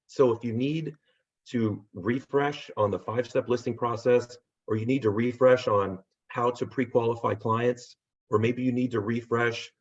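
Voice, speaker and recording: A man hosting a real estate agent training on a video call, upbeat and rambling, losing his voice and clearing his throat. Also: medium pitch. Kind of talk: casual video call pep talk. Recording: dull lo-fi video call audio.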